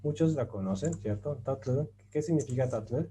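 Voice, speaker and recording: A man teaching a grammar lesson, patient and explanatory, often checking in with his listeners and pausing on fillers as he writes. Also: mid-range voice, warm tone, rough recording. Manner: patient, rhetorical questions, many fillers. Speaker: language teacher. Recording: faint background noise.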